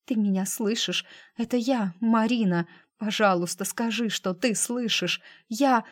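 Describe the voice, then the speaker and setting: A woman's voice: a little high, unhurried, no echo, clean studio sound, voice pushed up. A woman voicing a frightened, tearful young woman who speaks in a pleading, trembling way, in an audiobook. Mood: desperate pleading. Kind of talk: audiobook character voice.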